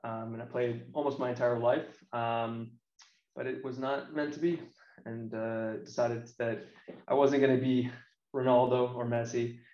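In a level, mid-range, slightly mellow voice at a measured pace, an American man in his late thirties gives blunt, colloquial opinions. He's an interview guest who works in games marketing, heard with roomy echo and slightly dull audio.

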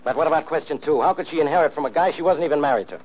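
An American actor playing a stubborn, blustering middle-aged police inspector in a 1940s radio mystery, blunt and insistent, on an old recording. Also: male voice, fairly high pitch, very fast, dull audio, slight background noise, lightly acted. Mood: skeptical. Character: blustering, hard-nosed police inspector man, stubborn and boastful.

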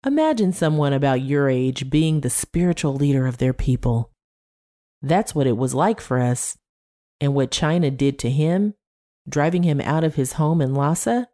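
A woman's voice: low-pitched, expressive, normal speed, mellow. Woman doing a flamboyant sing-song old man. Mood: reminiscing.

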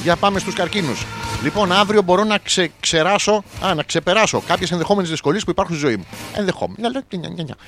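A man's voice: high voice, fairly bright tone, soft background music. A man hosting a radio show, reading horoscopes as a crude, rambling comic monologue full of wordplay.

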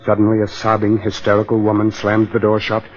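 An actor playing a macabre, teasing horror host with sinister mock politeness, in 1940s radio style. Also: male voice, fairly low pitch, completely flat delivery, a little fast, loud music behind the voice, natural voice. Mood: teasing, ominous. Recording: muffled old radio recording.

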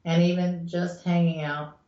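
A woman hosts paranormal talk radio in a very slow, deliberate manner. Her voice sits slightly low, and the sound is dull and lo-fi as she tells her tales. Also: little pitch movement, warm tone, slight background noise. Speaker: radio show host. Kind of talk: late-evening paranormal talk radio hosting and storytelling. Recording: dull lo-fi, roomy echo.

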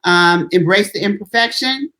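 A woman's voice: medium pitch, moderate pace, sharp tone. A woman co-host, speaking in a casual, encouraging and faith-tinged chat. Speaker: podcast co-host.

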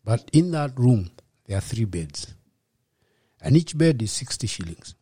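Mellow-voiced Kenyan man in his fifties. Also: medium pitch, big pitch swings, husky, no echo. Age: 50s. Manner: reflective, unhurried, slips in Swahili words. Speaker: guest. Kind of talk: personal storytelling in a podcast interview.

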